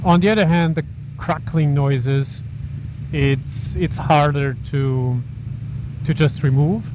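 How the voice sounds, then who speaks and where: A man vlogging casually and haltingly from inside a motorcycle helmet as he rides, with wind and engine noise. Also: on the high side. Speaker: motovlogger. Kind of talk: casual vlog talk while riding. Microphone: small wireless mic inside helmet.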